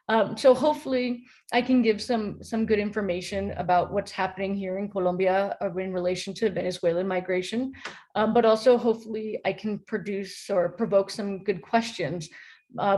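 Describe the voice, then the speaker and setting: An American philosophy professor, a woman, speaks on a conference panel in a friendly, halting way, with many ums and restarts. Her voice is medium in pitch and a little mellow.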